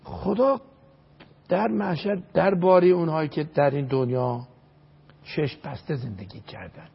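An older man speaks as a religious scholar, preaching emphatically and reciting verses. His voice is gravelly and very husky. The recording sounds dull and lo-fi. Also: fairly high pitch. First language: Azerbaijani. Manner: emphatic, recites Arabic verses, repeats phrases for stress. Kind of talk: religious lecture in an interview.

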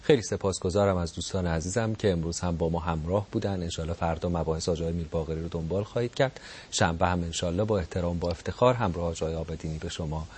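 A man's voice: low-pitched, steady tone, a little mellow, slightly rough. A man hosting a broadcast program, thanking his guest and the audience in polite, formal words. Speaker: program host.

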